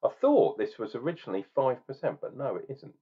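A man's voice: mid-range voice, big pitch swings, a little fast, breathy edge. Rambling, opinionated man on a webcam. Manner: opinionated, ranting, rambling and jokey. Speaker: beer reviewer. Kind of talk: casual beer review vlog. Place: small room at home, indoors. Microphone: webcam at desk. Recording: dull lo-fi webcam sound.

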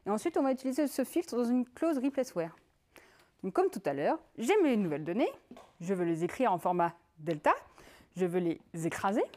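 A woman giving a technical conference talk, in a lively conversational way with many fillers and asides. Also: medium pitch, brisk. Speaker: conference speaker.

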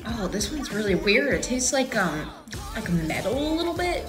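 Dramatic high-voiced young woman. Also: very animated, normal speed, soft background music. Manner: dramatic, exaggerated reactions. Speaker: skit creator. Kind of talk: comedic skit acting.

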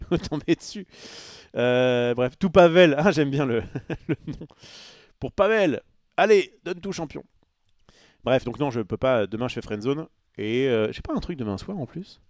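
A man's voice: mid-range voice, expressive, measured pace, long pauses, a little mellow, no echo, clean studio sound. A man chatting casually on a live stream, rambling with many fillers and restarts and answering his chat.

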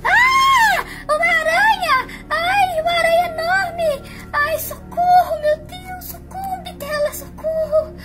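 A woman's voice: extremely high pitch, takes it slowly, shouting, loud music behind the voice, pitched above the performer's own voice, low-quality recording. A woman voicing Kate, a panicky young woman doll in a toy play, shrieking in terror. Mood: terrified. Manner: shrieking, terrified.

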